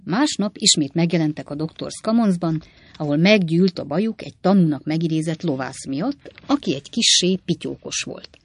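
A woman reading a novel aloud in steady, measured scripted narration. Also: deep voice, no room sound. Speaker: audiobook narrator.

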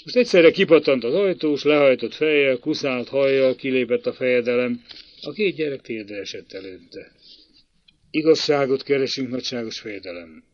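A man narrating a story in a measured, dramatic reading. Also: medium pitch, expressive, slight background noise. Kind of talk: audiobook narration. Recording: dull lo-fi dry recording.

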